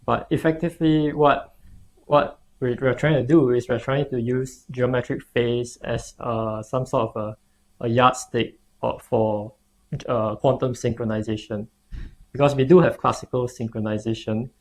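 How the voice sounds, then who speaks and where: A man's voice: mid-range voice, fairly even intonation, measured pace. A young man from Singapore, a master's student guest, explaining his project tentatively with fillers. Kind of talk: casual interview chat.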